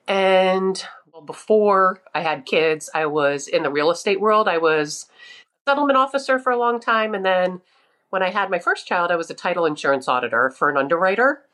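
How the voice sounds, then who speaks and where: A woman's voice: fairly low pitch, a bit bright. A woman in her fifties, a podcast guest, telling her story in a candid, easygoing way. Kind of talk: casual interview chat.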